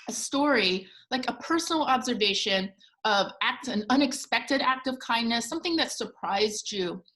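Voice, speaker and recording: A woman hosting an online panel over a video call, chatty and excited, with frequent ums and restarts. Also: on the high side. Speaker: host and organizer.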